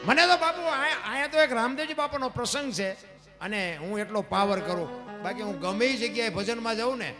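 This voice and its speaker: High-voiced storyteller with music. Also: male voice, brisk. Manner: dramatic, shifts between hushed and loud acted lines. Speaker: folk storyteller. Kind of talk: devotional dayro storytelling.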